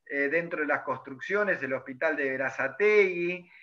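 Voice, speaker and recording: A man's voice: a little high, normal speed. Male teacher giving a class lecture, keeps checking in with the students, muffled lo-fi sound. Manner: explanatory, checks in with frequent "¿sí?". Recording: dull lo-fi recording.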